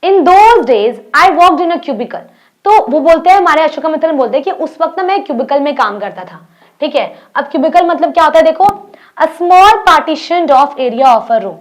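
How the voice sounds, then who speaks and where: Young Indian woman teacher, high voice, slow reading of English lines, lots of questions. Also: lively intonation. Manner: asks rhetorical questions, reads English lines slowly. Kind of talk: explaining an English textbook story in Hindi.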